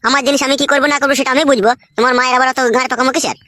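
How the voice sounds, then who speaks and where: A woman playing a rough young village husband in a comic skit, swearing and talking crudely. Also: high-pitched, fairly even intonation, very fast, heavy background noise, natural voice. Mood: bossy.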